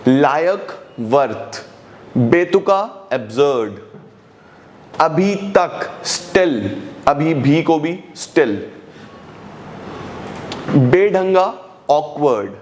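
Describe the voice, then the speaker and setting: Slow-paced Indian teacher drilling vocabulary. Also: male voice, a little high. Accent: Indian English. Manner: lists Hindi words then their English, repeating slowly. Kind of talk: Hindi-English vocabulary lesson.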